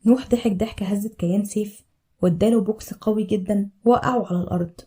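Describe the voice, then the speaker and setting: Rapid Egyptian woman narrating a story. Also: mid-range voice, warm tone. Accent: Egyptian Arabic.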